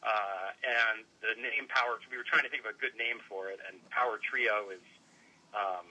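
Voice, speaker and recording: Husky, very bright man, radio guest. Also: on the low side, fairly even intonation, normal speed, rough recording. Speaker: interview guest, website editor. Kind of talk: casual radio interview.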